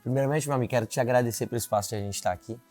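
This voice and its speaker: Fast-talking earnest young man. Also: mid-range voice, a little mellow, faint music behind. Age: 20s. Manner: earnest, religious, many filler tags. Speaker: city council candidate. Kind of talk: interview, telling his life story.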